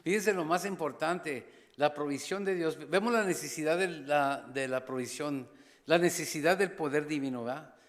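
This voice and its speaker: A man preaching as a pastor, passionate, rising to loud appeals and dropping to hushed asides. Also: fairly high pitch, normal speed. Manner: impassioned, swings between loud exhortation and hushed asides; slips briefly into English phrases. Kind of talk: sermon. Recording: long church reverb.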